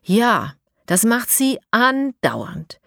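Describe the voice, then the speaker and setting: A woman's voice: a little high, big pitch swings, creaky, fairly bright tone, dry recording, studio quality, voice pushed up, exaggerated voice. Woman doing a worried animal carer. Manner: anxious, hurried.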